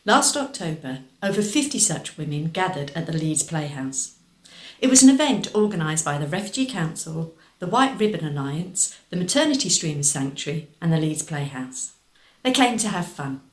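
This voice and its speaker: A woman charity worker presenting in calm, measured scripted narration, putting questions to the listener. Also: low voice, roomy sound.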